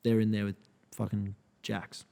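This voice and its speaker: A man's voice: lowish voice, flat delivery, unhurried, creaky, dark tone. A man hosting a podcast in casual, slangy chat, swearing freely. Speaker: podcast host. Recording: echoey room with long reverb.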